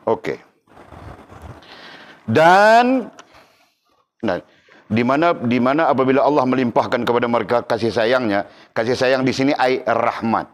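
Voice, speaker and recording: A man leads a religious class in an emphatic voice. He is middle-aged and mid-pitched, and he often stops to check that his students are following. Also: lively intonation, a little slow, pauses often. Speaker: religious teacher.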